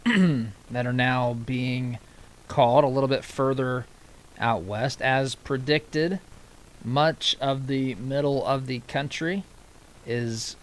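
On live election-night radio, an American man offers unscripted political commentary, halting and repeating phrases as he breaks off to read out figures. His voice is medium-pitched, and the poor-quality audio carries slight background noise.

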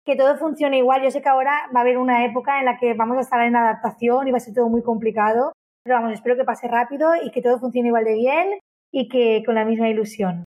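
Bubbly high-voiced woman. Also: fairly even intonation, quick pace, lo-fi sound. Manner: enthusiastic, repeats words, acts out customers' voices. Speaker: business owner. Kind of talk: interview.

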